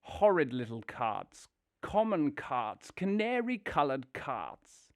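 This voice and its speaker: A man's voice: on the high side, big pitch swings, slow pace, no echo, clean studio sound, full character voice. A man playing a vain, dreamy toad with a theatrical, gushing manner in an audio drama. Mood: dreamy rapture. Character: vain, rapturous male toad, dreamy and car-obsessed.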